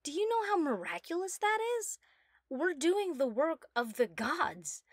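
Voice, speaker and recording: A woman voicing a proud, giddy young mad scientist obsessed with her work, theatrical and self-satisfied, in a soft ASMR role-play. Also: high-pitched, sing-song, unhurried, dry recording, clean studio sound, voice pushed up. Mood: earnest, fervent.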